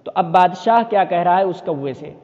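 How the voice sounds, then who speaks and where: A man's voice: high voice, animated, darkish tone. A man teaching a lesson, reading Arabic phrases and explaining each one several times in other words. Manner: reads an Arabic phrase, then explains it repeatedly with synonyms. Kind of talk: line-by-line Arabic text translation lesson. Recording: dull lo-fi audio with long reverb.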